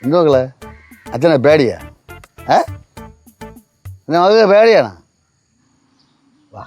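Drunk sentimental dad, gravelly rasp, slurred pleading, repeats endearments, slightly high, faint music behind. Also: male voice, heavily acted. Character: drunk doting older father, sentimental and stubborn. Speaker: father. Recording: TV sitcom with music underneath.

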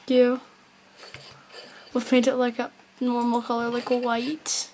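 A woman's voice: a little high, monotone, slow pace, a little mellow, slight background noise. A woman rambling through casual gameplay commentary, mumbling and correcting herself as she goes. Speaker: gameplay video maker.

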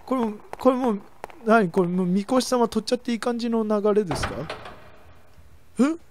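A young woman streamer chatting excitedly through a horror game, with sudden shrieks. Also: a little high, a little fast, slight background noise. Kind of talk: let's play commentary.

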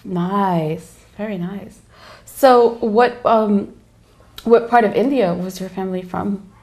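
A woman hosting a TV talk show, asking chatty, soft-spoken interview questions and often laughing. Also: medium pitch, slow. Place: indoor TV studio set.

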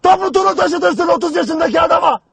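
A harsh army commander barks at his recruits in a strained, very high voice. He is stern and unforgiving, berating them from a war film drama. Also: brisk, creaky, heavily acted. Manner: barking, harsh, shouts accusations at recruits.

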